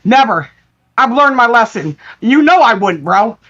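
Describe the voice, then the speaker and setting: A woman's voice: on the high side, big pitch swings, unhurried, fairly bright tone, muffled recording. A woman calling into a livestream, apologizing in a pleading voice and repeating herself. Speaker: guest calling in.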